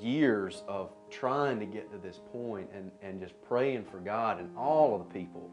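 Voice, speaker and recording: A man sharing an earnest personal testimony, halting and restarting as he goes. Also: on the low side, dull audio.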